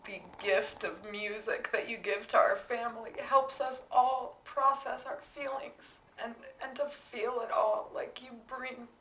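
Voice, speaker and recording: A woman's voice: on the high side, a bit bright, roomy sound, poor audio. A woman and parent speaking heartfelt words to her son in a family talk, sometimes close to tears. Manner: heartfelt, tearful at times. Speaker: parent and co-host.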